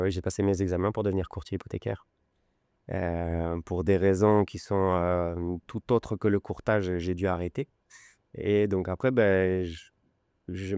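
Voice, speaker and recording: A man in his forties from France with a Lyon accent, an interview guest telling his story in an unhurried, hesitant way. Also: deep voice, warm tone, clear, resonant tone, no room sound, clean studio sound. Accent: French, from Lyon. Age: 40s. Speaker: podcast guest, luxury goods broker. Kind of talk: conversational interview. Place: podcast studio.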